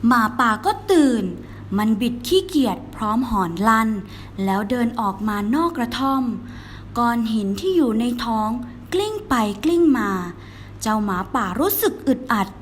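A woman's voice: fairly high pitch, lively intonation, moderate pace, a little hiss or hum. A young woman student narrating a children's fairy tale steadily for a class assignment. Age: young adult.

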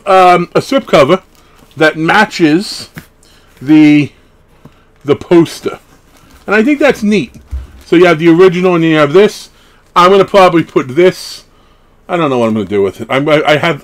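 A fairly bright, mid-range male voice belongs to a horror collectibles vlogger in his thirties, casually unboxing items at home. He rambles and keeps interrupting himself with asides, sitting indoors in a small wood-panelled room.

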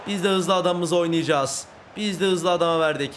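Excitable high-voiced man commentating his game. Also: a little fast, slight background noise. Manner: shouts and scolds players, swings between yelling and muttering. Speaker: gaming YouTuber. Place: a room at home, recording at night.

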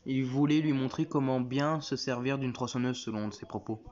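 A man voicing a brisk, matter-of-fact male doctor who talks quickly, on a dull lo-fi recording. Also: medium pitch, darkish tone, close to an everyday voice. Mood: deadpan. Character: fast-talking deadpan male doctor.

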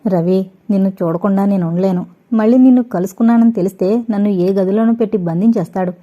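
A woman's voice: mid-range voice, quick pace, natural voice. A woman voicing a worried young woman in love who fears her father, speaking in a pleading, anxious way, on dull lo-fi audio.

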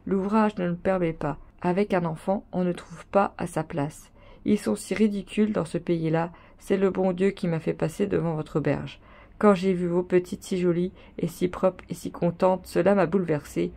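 A woman's voice: on the low side, steady tone, normal speed, vocal fry, warm tone. A woman reading the lines of a poor young mother pleading with an innkeeper's wife, in a storybook reading.

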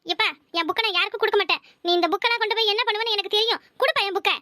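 A woman's voice: extremely high pitch, very fast, pushed and bright. A woman voicing an earnest teenage schoolgirl in a cartoon, with a southern Tamil Nadu accent, speaking in a pleading manner. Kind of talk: cartoon voice acting.

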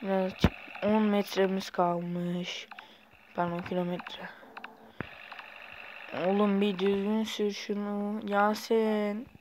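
A man's voice: high voice, monotone, takes it slowly, darkish tone, a little hiss or hum. A young man giving casual, rambling gameplay commentary while sleepy, with sudden startled outbursts. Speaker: gaming YouTuber.

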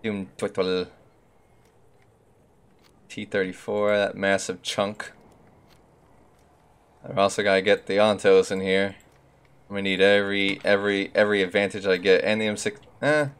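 A man's voice: on the low side, monotone, normal speed, clear, resonant tone. A man streaming a tank game, chatting casually with a friend and muttering to himself as he picks his gear. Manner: laid-back, mutters to himself while picking gear. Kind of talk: casual gaming chat.

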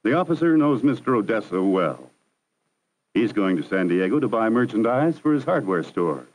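The narrator of this 1960s educational film is a man whose fairly low voice delivers scripted documentary lines in a steady, measured, formal and instructive way. It's taken from an archival film soundtrack and recorded at low quality.

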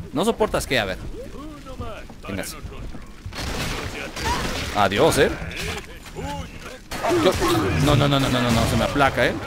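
A man with a Mexican accent gives let's play commentary, joking and chatting to himself and his viewers. His pitch swings widely, and steady noise sits under the recording. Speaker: gaming video host.

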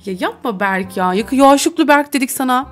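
A woman's voice: sits high, animated, normal speed, faint music behind. A woman streamer giving casual, teasing commentary over a role-play game, often breaking into giggles. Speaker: gaming streamer.

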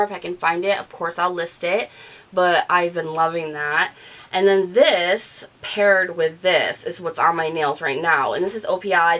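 A beauty vlogger in her thirties gushes about her favorite beauty products in a chatty, animated way, gesturing with her hands as she casually reviews them. Her voice is on the low side, and she sits on a gray couch in an indoor living room, recorded on a studio mic kept off camera.

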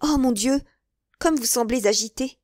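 A woman's voice: high-pitched, normal speed, a little mellow, dry recording, studio quality, pitched above the performer's own voice, lightly acted. Woman doing a lovestruck young woman. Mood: excited.

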